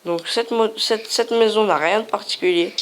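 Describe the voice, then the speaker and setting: A woman's voice: mid-range voice, normal speed, slight background noise. A woman hosting a casual game video, chatty and playful, often repeating herself as she shows things on screen. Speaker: gaming video host.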